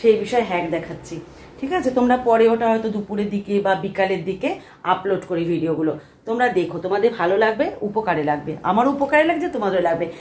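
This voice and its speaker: A soft-spoken woman in her thirties films a casual home vlog on her phone. She chats and grumbles warmly about the household. The room is echoey, with a faint hum of ambient noise behind her. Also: medium pitch, expressive, fast talker. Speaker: vlogger. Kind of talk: casual chat to camera. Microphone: phone camera.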